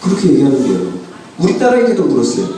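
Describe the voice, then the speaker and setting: A pastor lecturing a church class in an animated way, often quizzing his listeners with questions. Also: mid-range voice, racing, slight background noise. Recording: roomy hall from a distant mic.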